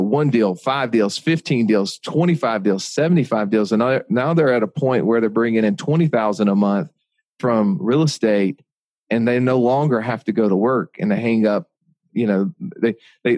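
Low-voiced man telling an upbeat success story. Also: a little mellow, no echo. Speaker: guest entrepreneur. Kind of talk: podcast interview, storytelling.

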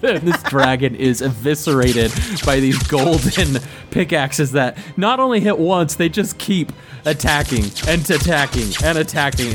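Man, game master, medium-pitched voice, improvised tabletop narration, faint music behind.

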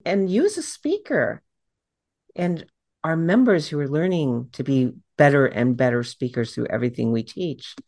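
Middle-aged woman podcast host: low voice, animated delivery, acts out the voices she quotes. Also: moderate pace, dry recording, clean studio sound. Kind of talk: conversational podcast interview.

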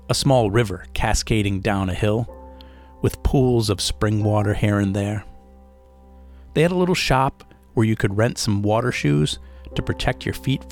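A man narrating a first-person story as a podcast host, in a casual, chatty way with asides to the listener. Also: on the low side.

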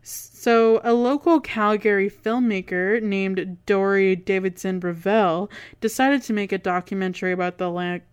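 Clear-voiced Canadian woman telling local ghost lore. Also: mid-range voice, fairly even intonation, normal speed, few pauses. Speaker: podcast co-host.

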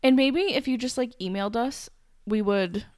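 A woman with vocal fry, bantering casually as a podcast co-host in a wry way, saying "like" a lot. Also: fairly high pitch, normal speed, darkish tone, dry recording, studio quality. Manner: wry, hedging with lots of "like".

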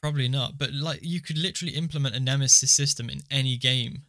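A man's voice: mid-range voice, steady tone, quick pace, bright, forceful tone. A man co-hosting a podcast in casual chat, joking around and laughing easily. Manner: chatty, laughs easily, riffs on jokes. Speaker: podcast co-host.

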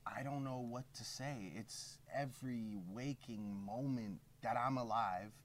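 A man's voice: mid-range voice, a little slow, voice pushed up, close to an everyday voice. A man doing a whiny, lisping impression of a fed-up male music star. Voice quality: lisp.

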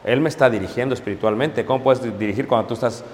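Emphatic preacher in a reverberant hall. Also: male voice, mid-range voice, fast talker, slight background noise. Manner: storytelling, addresses congregation as brothers, frequent "¿ok?"; swings between hushed asides and loud emphatic peaks. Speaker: pastor. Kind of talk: sermon.

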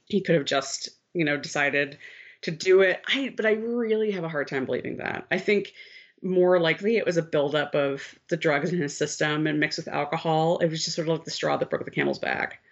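A woman's voice: low voice, fairly quick. Candid swearing woman podcast co-host. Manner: candid and expressive, swears freely. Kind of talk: casual conversational storytelling. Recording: slightly muffled lo-fi sound.

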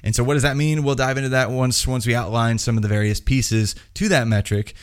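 A man's voice: medium pitch, fairly even intonation, brisk, clean tone. American man hosting a sports podcast. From Indiana, United States. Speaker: podcast host.

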